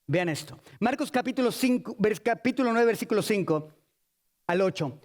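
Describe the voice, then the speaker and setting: A Mexican man preaching with a high, lively voice that swoops all over the place. He keeps things casual and jokey, loaded with slang, and shifts his tone often. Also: normal speed. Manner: animated, colloquial, joking. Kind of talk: sermon.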